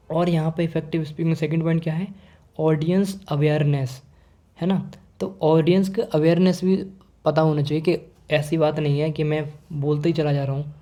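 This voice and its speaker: Man, soft mellow lecturing voice. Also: a little high. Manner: reads English lines slowly, then explains in Hindi. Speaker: teacher explaining exam answers. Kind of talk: casual lecture.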